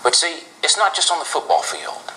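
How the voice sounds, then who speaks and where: An actor in his thirties playing an earnest, devout football coach, giving a deliberate, preacher-like pep speech to his team in a locker room. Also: on the high side, wildly swooping pitch, bright, forceful tone, a little hiss or hum, heavily acted, rough recording. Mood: urgent, exhorting. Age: 30s.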